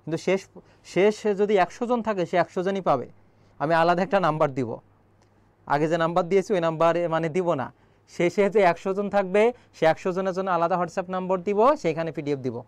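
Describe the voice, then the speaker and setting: High-voiced young man teaching live online. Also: a little fast, smooth, dry recording. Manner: quizzes viewers and reads their comments aloud. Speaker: online admission-prep teacher. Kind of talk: live-streamed grammar lesson.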